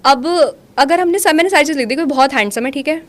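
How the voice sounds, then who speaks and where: A woman in her thirties talking in a podcast conversation, mixing Hindi with slow, deliberate English lines. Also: high-pitched, a bit bright. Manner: switches between Hindi and English, slows down for English lines. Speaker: guest, manifestation coach.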